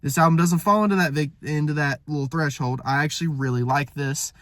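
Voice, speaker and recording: A man's voice: a little high, steady tone, a little fast, a bit bright, dry recording. A man with a congested, stuffy voice giving a casual spoken album review, rambling and often correcting himself mid-sentence. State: congested, nasal from a coming cold. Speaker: music reviewer.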